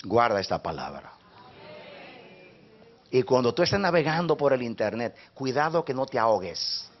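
A man preaching a sermon as pastor, impassioned, swinging between hushed passages and loud, rising preaching. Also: mid-range voice, sing-song, moderate pace. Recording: dull lo-fi recording.

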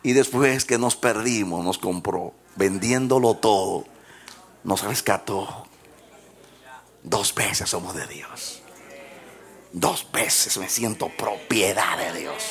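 A man's voice: lowish voice, slow, long pauses. A man preaching a sermon and telling a story to his congregation. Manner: storytelling, rising to shouted praise.

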